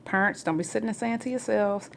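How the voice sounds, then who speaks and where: A woman in her forties chatting at home in a rambling family vlog, now and then rising into loud, excited bursts. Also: medium pitch, fast talker, gravelly, slight background noise. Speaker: family vlogger. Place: home, near the kitchen.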